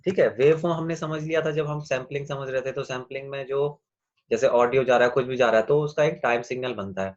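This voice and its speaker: A man teaching a class over a video call, explaining slowly and answering his own questions. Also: medium pitch, muffled recording. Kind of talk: online class lecture.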